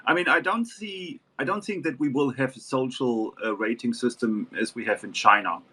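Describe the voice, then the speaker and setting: A man from New Zealand talking in a casual panel discussion, halting and restarting with many fillers. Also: mid-range voice, pushed and bright, slightly rough.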